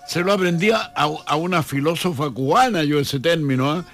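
A man's voice: on the high side, normal speed, fairly bright tone. A Chilean man, a historian, answering in a radio interview, thoughtful and often restarting his words. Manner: hesitant, repeats words, reflective. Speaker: historian guest.

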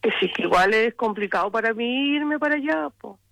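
A woman's voice: on the high side, animated, moderate pace, creaky, fairly bright tone, dry recording, poor audio. A Chilean woman calling in, telling her situation hesitantly and repeating words. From southern Chile. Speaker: caller. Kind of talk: phone-in testimony.

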